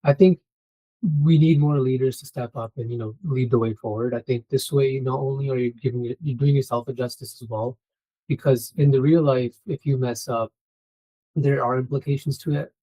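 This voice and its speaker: A man's voice: mid-range voice, steady tone, moderate pace, mellow, low-quality recording. A man speaking as a student in an interview, giving encouraging, motivational advice.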